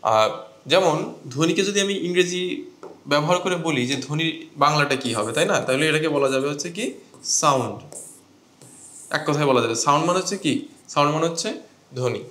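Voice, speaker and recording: A man's voice: a little high, animated, a little fast, pauses often, fairly bright tone, echoey room. A man teaching a grammar lesson to students, explaining step by step and asking them questions. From Bangladesh.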